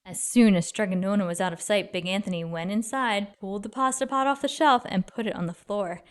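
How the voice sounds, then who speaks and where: A woman reading a children's story aloud with expressive, dramatic emphasis. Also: medium pitch, a little fast, smooth. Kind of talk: expressive read-aloud narration.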